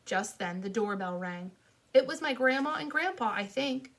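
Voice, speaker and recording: A woman's voice: on the high side, animated, moderate pace, fairly bright tone. Woman narrating a children's audiobook playfully.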